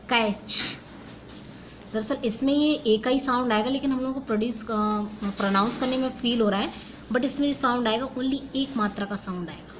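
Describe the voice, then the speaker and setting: Young female teacher, Indian English accent, slightly high pitch, patient step-by-step explainer; light background noise. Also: a bit bright, poor audio. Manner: explains step by step, asks and answers own questions; mixes Hindi and English. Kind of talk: phonetics lesson.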